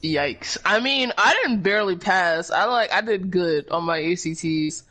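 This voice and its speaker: A man's voice: high-pitched, lively intonation, unhurried, bright, forceful tone. A young man streaming a game, chatting casually and swearing often, with frequent laughs. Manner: laid-back, profane, laughs often. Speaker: gaming streamer. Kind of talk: casual chat while gaming.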